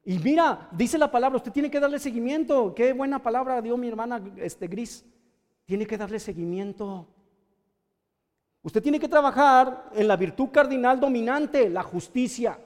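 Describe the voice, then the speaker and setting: A Mexican man preaching with a very high-pitched voice. He presses the congregation with pointed rhetorical questions. His words ring out with a long reverb, as in a church hall. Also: darkish tone. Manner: addresses listeners directly with pointed rhetorical questions. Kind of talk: sermon.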